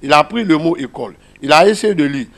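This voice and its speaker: High-voiced Guinean French man teaching. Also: expressive, quick pace, creaky, a bit bright. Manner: explains step by step, asks listeners questions. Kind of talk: classroom teaching demonstration.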